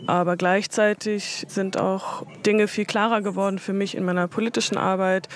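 A woman who grew up in Germany, giving measured, reflective answers in an interview. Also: medium pitch, little pitch movement, slight background noise. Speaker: interview guest.

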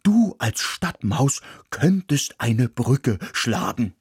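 A man's voice: mid-range voice, sing-song, slow pace, breathy edge, no room sound, studio quality, heavily acted. A man voicing a male dog who speaks earnestly and insistently. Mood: urgent.

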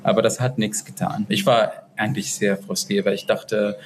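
Man with halting German, café noise. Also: on the low side, little pitch movement, low-quality recording. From Israel. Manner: searching for words, halting non-native German. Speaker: guest, social psychologist. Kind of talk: remote radio interview. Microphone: remote connection. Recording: café noise behind, remote line. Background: café chatter.

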